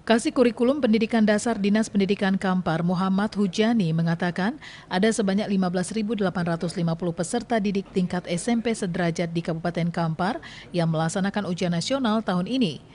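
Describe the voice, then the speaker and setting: A woman reading a news report as a voice-over, brisk and even in the manner of a newsreader. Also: medium pitch. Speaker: news narrator.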